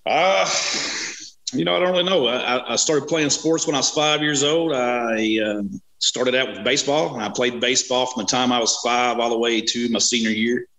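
A man in his thirties from Kentucky, speaking as a guest on a video-call interview in a relaxed way, full of "you know" and "uh". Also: medium pitch, normal speed, rough recording. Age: 30s. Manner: easygoing, many fillers like "you know" and "uh". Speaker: interview guest, strongman competitor. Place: small home room. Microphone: webcam on video call.

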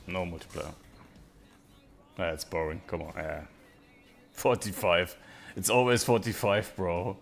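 A man in his thirties giving casual, profane live-stream commentary as a casino game streamer, with excitable outbursts. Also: low-pitched, measured pace, gravelly, pauses often, faint music behind. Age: 30s.

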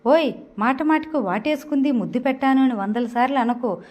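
A woman's voice: high voice, brisk, darkish tone. A woman voicing an angry, proud young woman who snaps back, in a storybook reading. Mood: indignant. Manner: indignant, snapping.

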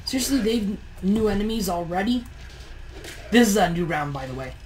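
A woman's voice: mid-range voice, animated, a little fast, a little mellow, a little hiss or hum, rough recording. A tired woman with a morning voice, chatting through gameplay commentary on a push-to-talk mic and grumbling in exasperation at how things are going. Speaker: let's play host.

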